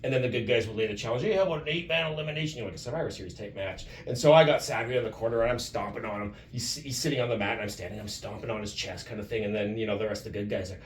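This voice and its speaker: A man from Canada, a guest wrestler, telling lively stories with plenty of swearing in a casual interview. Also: lowish voice, rapid-fire, hardly any pauses, far from the mic, slight background noise. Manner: animated storyteller, swears freely. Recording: roomy, off-mic with faint ambience.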